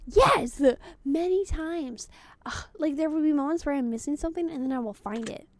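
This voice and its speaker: A woman's voice: high-pitched, quick pace, mellow, dry recording. A young woman streaming a game, chatting casually, bluntly and with free swearing as she answers questions. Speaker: VTuber streamer. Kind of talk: casual gameplay commentary.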